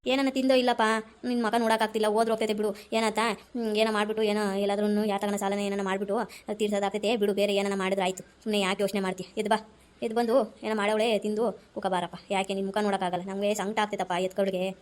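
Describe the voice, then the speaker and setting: A woman's voice: medium pitch, level tone, quick pace, lightly acted. An actress playing a worried older mother, scolding yet tender as she consoles her grown son in a family drama. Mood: consoling. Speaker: mother-in-law of the wife. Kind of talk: amateur family drama skit.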